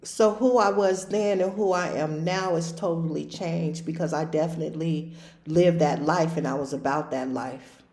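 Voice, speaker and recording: A woman's voice: deep voice, steady tone, normal speed, a little mellow, roomy sound. A woman in her fifties, a recovery life coach hosting a podcast, talking plainly and directly in casual conversation. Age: 50s.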